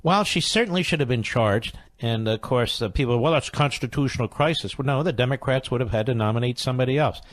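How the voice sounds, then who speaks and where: A man's voice: mid-range voice, fast talker, hardly any pauses, dry recording. A man hosting a call-in talk radio show, speaking emphatically and indignantly into a studio microphone.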